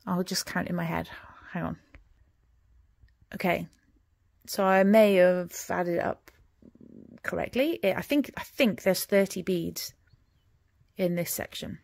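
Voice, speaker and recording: A woman's voice: on the low side, vocal fry, a little mellow, no echo. Chatty woman murmuring over her stitching. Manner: chatty, rambling, drops to murmurs while counting stitches. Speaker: cross-stitch vlogger. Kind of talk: casual progress update. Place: home, at her stitching frame.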